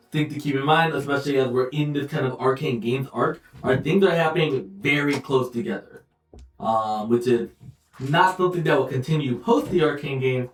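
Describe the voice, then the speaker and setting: A young man running a tabletop game, casually recapping and setting the scene in a loose, rambling way with frequent pauses and self-corrections. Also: medium pitch, a little mellow. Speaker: game master. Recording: roomy echo, distant mic, faint music behind.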